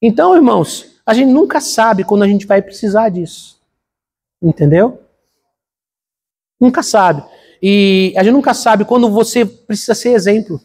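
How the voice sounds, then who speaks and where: A man's voice: high voice, lively intonation, measured pace, a little mellow, slightly rough. A middle-aged Brazilian man, a pastor, preaching a conversational sermon with a personal story, calling the congregation brothers. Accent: Brazilian Portuguese. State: congested from a cold.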